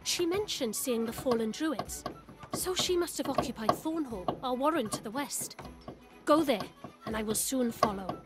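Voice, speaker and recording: A woman voicing a wry, hopeful druid, the last of her order, in measured, conversational video game dialogue. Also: fairly high pitch, animated, over loud music, natural voice. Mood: earnest.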